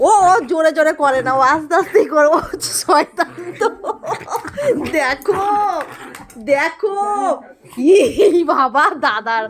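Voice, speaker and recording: Woman vlogger, very high-pitched, lively, teasingly scolding, casual to-camera chat. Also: slow. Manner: animated, playfully scolding and repeating herself. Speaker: vlogger showing her pet.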